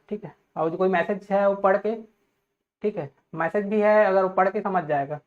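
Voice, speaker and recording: A man teaching a class, explaining points step by step, checking in with "okay" after nearly every phrase and putting questions to his students. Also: sits high. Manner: repeats "theek hai" constantly, asks students questions. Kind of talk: classroom lecture. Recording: tinny phone-like audio.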